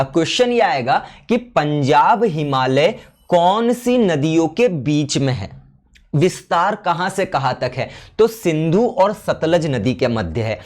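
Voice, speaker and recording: Male coaching teacher, fairly high voice, casual drilling delivery, recorded online lesson. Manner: chatty, repetitive drilling with mnemonics. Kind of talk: online exam-prep lesson. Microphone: recorded lesson over a shared map.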